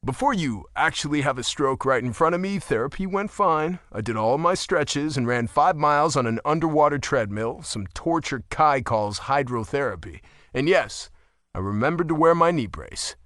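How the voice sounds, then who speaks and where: A teasing, earnest athlete husband, voiced by a man in an audiobook romance. His delivery rises and falls with lively, animated pitch. The sound is close and dry. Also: normal speed, no room sound.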